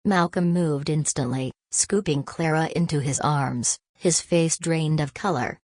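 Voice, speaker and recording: A woman giving scripted narration of a family drama in a dramatic, measured way. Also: sits low, a little mellow, no room sound.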